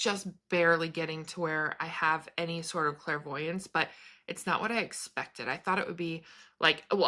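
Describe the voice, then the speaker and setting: A woman in her thirties talks casually to her viewers, wandering from thought to thought with small laughs. Her voice sits a little low but sounds bright and forward, with a crisp edge. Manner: chatty, meandering, laughs between thoughts. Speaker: spiritual vlogger and business coach. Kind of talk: casual chat to camera.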